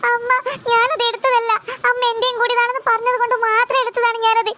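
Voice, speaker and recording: A cheeky cartoon girl who talks back and whines, voiced by a woman. The voice is very high and bright. She speaks fast, with a dry, close sound. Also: little pitch movement, dry recording. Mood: whining. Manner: whiny, defiant, teasing. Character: cheeky, defiant younger sister girl. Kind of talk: cartoon voice acting.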